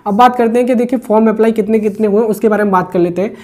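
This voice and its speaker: Speaking fast in a soft, mellow, high-pitched voice with fairly even intonation, a YouTube host gives an informal exam update. Like an online coach, he repeats himself, returns to every point, and frequently checks that his audience is keeping up.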